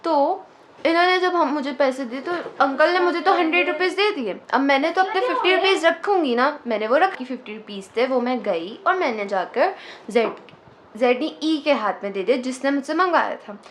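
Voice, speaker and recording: A young woman casually telling a personal story, animated and dropping English phrases into her speech. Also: sits high, moderate pace, a little hiss or hum.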